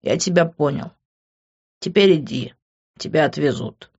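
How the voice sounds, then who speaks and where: A woman reading an audiobook, voicing a weary, bitter young man in a low, subdued tone. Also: unhurried, a little mellow, slightly rough, lo-fi sound. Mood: bitter, tired.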